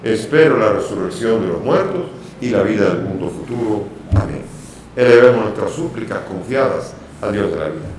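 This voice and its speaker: Man, priest leading Mass, solemn prayer, deep-leaning voice, heavy church echo, faint noise. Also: expressive, normal speed, a little mellow. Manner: solemn, declamatory. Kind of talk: liturgical preaching and prayer. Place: large reverberant church. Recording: echoing church, distant mic, faint noise.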